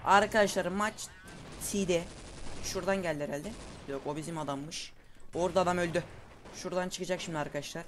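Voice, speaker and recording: A young man giving casual, excitable commentary over his own gameplay, calling out moves to his viewers. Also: high voice, brisk. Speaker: gaming YouTuber. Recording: faint game noise and gunfire behind.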